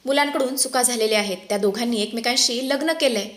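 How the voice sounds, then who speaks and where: A calculating middle-aged aunt smooths things over with soft persuasion, voiced by a woman narrator. She sounds low-key and reasonable, in a storybook retelling of a serial. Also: fast talker, roomy sound, close to an everyday voice. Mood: placating. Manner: persuasive, placating.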